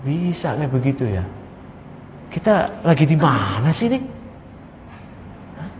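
High-voiced man lecturing in an echoey hall. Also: a little hiss or hum. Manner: animated, fires rhetorical questions at the audience. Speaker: Islamic religious teacher. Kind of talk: study-circle lecture on a creed text. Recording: echoey hall, dull lo-fi sound.

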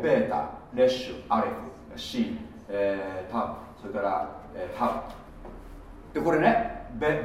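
Man pastor, casual whiteboard sermon, slightly high voice, far from the mic in a boomy room. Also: very echoey, slight background noise. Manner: animated, chatty, many fillers and asides. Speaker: pastor teaching a church gathering. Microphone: no microphone, speaking in natural voice.

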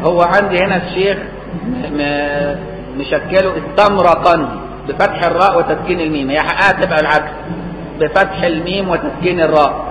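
A man's voice: fairly high pitch, dull audio. A man with an Egyptian accent teaching a classical religious text, explaining with rhetorical questions and repetition. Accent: Egyptian Arabic. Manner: chants Quran verses slowly. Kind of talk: classical text lesson in Egyptian colloquial Arabic. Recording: echoey hall with faint noise.

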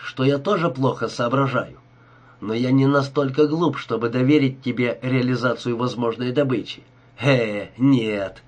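Sneering crook, ironic, husky, man reading in an audiobook. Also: mid-range voice, lightly acted. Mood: scheming. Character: cold, scheming male crook, sarcastic.

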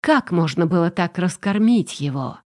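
A woman's voice: lowish voice, animated, normal speed, darkish tone. A woman voicing a commanding, exasperated young emperor in an audiobook, with a reproachful manner. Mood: stern. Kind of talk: audiobook character reading.

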